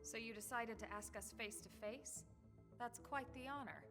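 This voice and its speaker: A woman's voice: a little high, moderate pace, music in the background, natural voice. Elma, a cool-headed squad leader, voiced by a woman. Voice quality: cool, level, wry. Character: calm, composed female squad leader.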